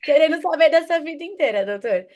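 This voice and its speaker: A woman asking an interview guest polite, formal questions, with a respectful tone throughout. Her voice sits fairly high for a woman. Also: animated, fast, a little mellow. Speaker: student interviewer.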